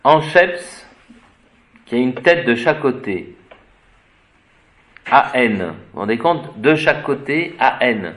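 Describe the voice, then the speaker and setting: Man, slow deliberate etymology teacher, spells words letter by letter, halting and musing. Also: medium pitch, lively intonation, fairly bright tone. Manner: hesitant, searches for words with fillers. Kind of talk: unscripted etymology lecture.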